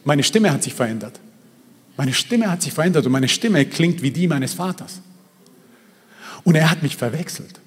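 A man's voice: a little high, expressive, moderate pace, pauses often, slightly rough. A man from Croatia and Bosnia preaching a sermon in a church hall, with an emphatic, repetitive cadence that builds in intensity. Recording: long reverb of a large hall.

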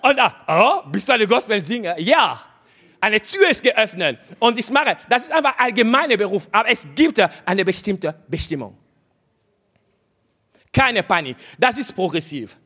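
A man's voice: high-pitched, big pitch swings, moderate pace, sharp tone, husky. A man preaching a sermon, speaking straight to his listeners and hammering home short, repeated exhortations. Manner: addresses listeners directly.

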